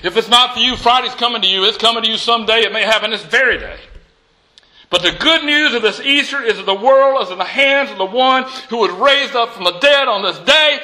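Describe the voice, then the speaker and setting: A male pastor delivering an Easter sermon in an unusually high voice. His tone is very bright and sharp, and he works a repeated refrain with emphatic, rising storytelling. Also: fairly quick, poor audio. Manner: storytelling preacher with a repeated call-and-response refrain; emphatic, building from soft to shouting.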